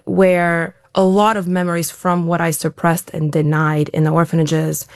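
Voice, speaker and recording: Woman guest talking openly, low-ish voice w/ a lot of vocal fry, reflective. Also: no room sound, studio quality. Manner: reflective, open, with frequent restarts. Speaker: guest, elite athlete. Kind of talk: candid interview answers.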